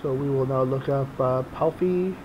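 This card break host has a medium-pitched voice and a moderate pace, captured with lo-fi sound. Opening sports card boxes in his small indoor office crowded with cards, he chats informally and improvises, often muttering under his breath; the camera rests on his desk amid room noise.

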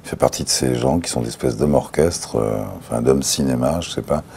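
A man being interviewed as a dubbing voice actor, speaking thoughtfully with pauses and hesitations. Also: rumbling low, vocal fry, warm tone, slight background noise.

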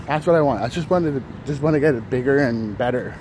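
A man's voice: mid-range voice, fast talker, a little mellow. Rambling man vlogging on a city street. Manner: rambling, chatty, lots of fillers and restarts. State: slightly out of breath from walking. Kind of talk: casual walking vlog. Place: city street outdoors in early morning. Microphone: phone held at arm's length. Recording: phone audio with street noise. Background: traffic and city noise.

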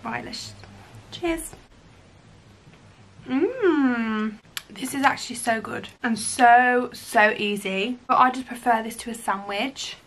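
A woman's voice: fairly high pitch, takes it slowly, pauses often, fairly bright tone. A young British woman in her twenties chatting casually in a home vlog, bubbly and giggly, rambling as she goes. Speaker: vlogger. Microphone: handheld camera.

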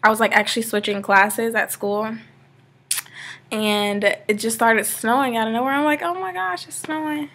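At a normal speed, a fairly high, fairly bright voice comes from an eighteen-year-old vlogger from Georgia, USA. She sits on a living room sofa in a close laptop-webcam shot, rambling casually and saying "like" a lot.

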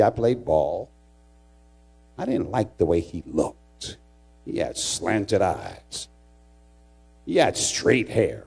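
A man's voice: sits low, vocal fry, a little mellow, slightly rough. A middle-aged man preaching a sermon in church, dramatic and joking with his congregation. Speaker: pastor. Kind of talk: sermon with humorous storytelling. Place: church sanctuary.

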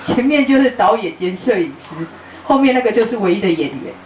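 A middle-aged woman, speaking as a travel author at a live book talk. She is a lively storyteller who acts out conversations and laughs often. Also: mid-range voice, fairly quick. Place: bookstore event room. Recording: roomy, distant, faint hiss.

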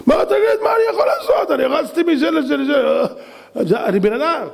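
A man's voice: very high-pitched, very animated, vocal fry, long reverb tail, pitched above the performer's own voice, heavily acted. A preacher acting out an overwhelmed male worker defending himself in a pleading, indignant tone. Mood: defensive.

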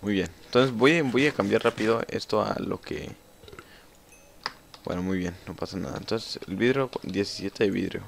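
A young man with a Mexican Spanish accent chats through casual gameplay commentary, cursing freely as he talks to himself. His voice sits lowish with vocal fry, moving at a normal speed, and there's a slight hiss or hum in the audio.

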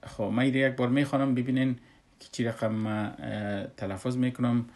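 A man, a Quran recitation teacher who explains a lesson step by step and pauses often on drawn-out "uh" sounds. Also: lowish voice, vocal fry, a little mellow. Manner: unhurried, with frequent drawn-out "uh" pauses.

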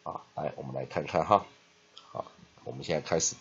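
A man teaching English vocabulary, spelling words out letter by letter and filling pauses with short fillers. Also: extremely low pitch, fairly bright tone, slightly rough, lo-fi sound. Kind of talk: spelling and phonics lesson.

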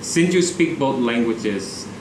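A man's voice: mid-range voice, lively intonation, takes it slowly, background noise. A man in his thirties hosts an interview, asking eager, upbeat questions and often restarting his sentences. He sits on a sofa a few feet from the camera mic, so his voice sounds distant and roomy. An air conditioner hums steadily in the background. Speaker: show host, interviewer. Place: living room, seated on a sofa indoors.

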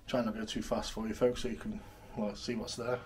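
An urban explorer vlogger leads a walkthrough of an abandoned house, chuckling and offhand in a fairly low, slightly rough voice. He speaks a little fast with little pitch movement, captured indoors on a handheld camera mic.

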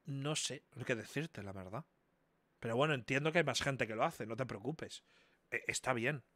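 A man in his twenties chatting casually on a live stream, chatty and incredulous, with loud outbursts. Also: medium pitch, normal speed, no echo. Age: 20s.

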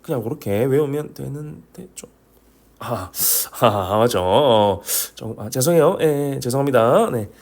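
This online Vietnamese pronunciation teacher speaks at medium pitch and normal speed, with vocal fry and barely any pauses. He has a Korean regional dialect and keeps things lively, repeating sounds as drills, joking, and apologizing.

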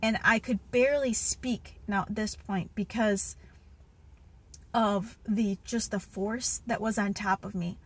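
Her voice sits a little high and has a breathy edge. She is a woman in her thirties recording herself on a phone at arm's length in a parked car, earnestly telling of a spiritual dream through many fillers and restarts, part casual testimony and part Bible reading.

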